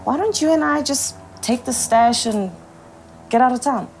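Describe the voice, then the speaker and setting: A woman's voice: high-pitched, normal speed, a little mellow, slight background noise. An urgent young woman in a film. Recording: film clip with music, distant.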